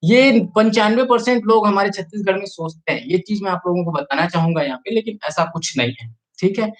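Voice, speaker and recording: A man's voice: sits high, lively intonation, a little fast, low-quality recording. A man chatting casually on a live stream, reading out viewer comments and urging people to like the video. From Chhattisgarh, India. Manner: chatty, reads out viewer comments and urges likes.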